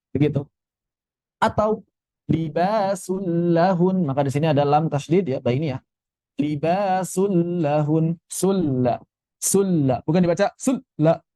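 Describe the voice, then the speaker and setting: A man teaching tajwid, explaining quickly and then reciting example words slowly and carefully. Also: a little high, lively intonation, dark tone, no room sound. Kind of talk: Quran recitation lesson.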